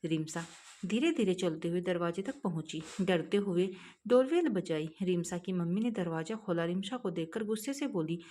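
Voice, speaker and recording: A woman narrating an emotional moral story in a measured, expressive way. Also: fairly low pitch.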